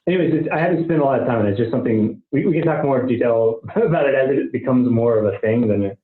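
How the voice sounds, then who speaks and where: A man's voice: mid-range voice, lively intonation, fast. A man explains an engineering idea on a technical meeting call, stopping on fillers and starting sentences over. The sound is thin and phone-like, and it carries the echo of a bare room. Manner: thinks aloud, many um fillers and restarts. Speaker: software engineer presenting work. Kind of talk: technical working-group call. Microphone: online meeting call. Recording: tinny phone-like call audio, roomy echo.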